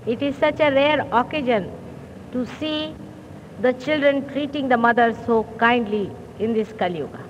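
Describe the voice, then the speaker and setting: A woman giving a slow, deliberate sermon to a hall through a microphone, often clearing her throat, heard on an old 1970s recording. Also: fairly high pitch. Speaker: spiritual teacher. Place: large hall. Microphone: speaking into a hall microphone. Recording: old muffled hall recording with faint hiss.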